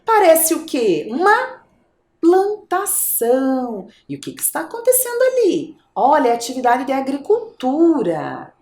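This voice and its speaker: A woman's voice: high voice, huge pitch swings, normal speed, mellow, roomy sound. A woman with a Brazilian Portuguese accent, teaching a video lesson to young children and coaxing them with questions. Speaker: primary school teacher.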